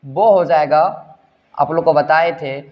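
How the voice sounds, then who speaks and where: A male teacher with a Bihari Hindi accent, slowly dictating a lesson and quizzing students with repeated questions. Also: fairly high pitch, fairly even intonation. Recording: dull lo-fi sound with long room echo.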